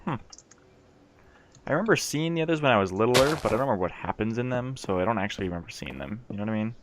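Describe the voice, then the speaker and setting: A man's voice: lowish voice, expressive, racing, noisy background. Wry, laid-back gamer guy. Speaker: game co-host. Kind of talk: casual gameplay chat.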